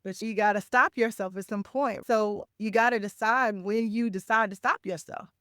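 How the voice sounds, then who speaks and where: A woman's voice: mid-range voice, steady tone, normal speed, a bit bright, no room sound, clean studio sound. A woman, a trauma recovery coach, giving advice in an interview in a conversational way, often checking in with "right?".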